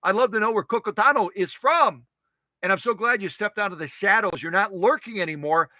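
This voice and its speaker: A man's voice: high-pitched, brisk, sharp tone, dry recording. A man hosting a casual livestream, playfully reading out and answering viewer comments, often repeating himself. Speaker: host of a sewing machine restoration channel.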